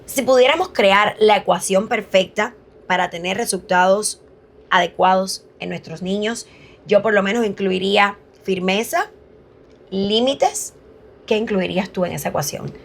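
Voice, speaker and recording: A woman hosting an interview, asking questions calmly. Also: mid-range voice, moderate pace, creaky. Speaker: host.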